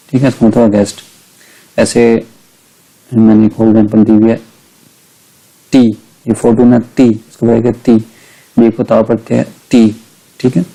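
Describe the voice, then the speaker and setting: Middle-aged male teacher, low and very dark voice, patient step-by-step explainer. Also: rough recording. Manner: patient, explains step by step and models each sound slowly. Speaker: language teacher. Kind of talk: recorded slide lecture.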